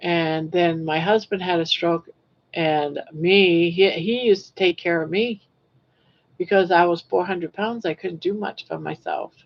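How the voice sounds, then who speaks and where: An older woman with a southern Maine accent hosts a casual livestream, reading viewer comments aloud in a rambling way, correcting herself and letting her sentences trail off softly. Her voice is lowish and a little slow, and the audio sounds dull.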